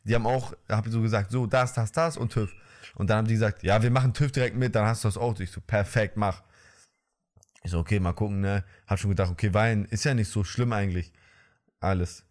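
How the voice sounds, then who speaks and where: A man's voice: lowish voice, fairly even intonation, quick pace, darkish tone. A young man in a casual podcast chat, telling a story in slang and laughing often. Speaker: podcast co-host.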